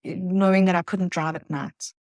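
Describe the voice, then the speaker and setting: A woman's voice: on the low side, steady tone, darkish tone, dry recording, clean studio sound. Earnest reflective woman from South Africa. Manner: earnest, reflective, halting at times. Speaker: guest. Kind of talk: emotional personal interview.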